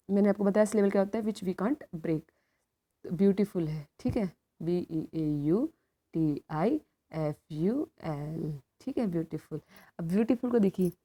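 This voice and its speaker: A woman teacher explaining a grammar lesson, asking questions and answering them herself, reading rules out slowly. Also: fairly low pitch, warm tone. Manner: asks questions and answers them herself, calls students beta; reads rules slowly and clearly. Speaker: school teacher. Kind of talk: classroom grammar lesson in Hindi-English mix.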